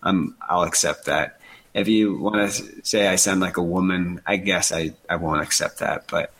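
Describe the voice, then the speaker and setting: There's slight background noise as a man in his thirties, co-hosting a relaxed chat, earnestly tells stories about himself and laughs at his own expense. He has a low, steady, mildly nasal voice that's a bit bright, at a moderate pace.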